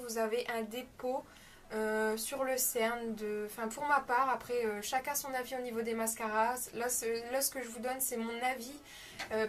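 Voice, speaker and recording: A high-pitched woman reviewing products she has used up in a casual vlog. She talks to her viewers in a chatty, frank way, often pausing with fillers and correcting herself mid-sentence. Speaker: beauty vlogger.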